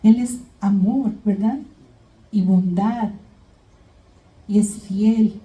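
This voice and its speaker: A woman delivers a sermon in a deep, mellow, very dark-toned voice. She sounds distant from the microphone in an echoey church hall. She retells Bible stories and keeps checking in with her congregation. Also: steady tone, drawn-out words. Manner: addresses congregation as brothers and sisters. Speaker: preacher.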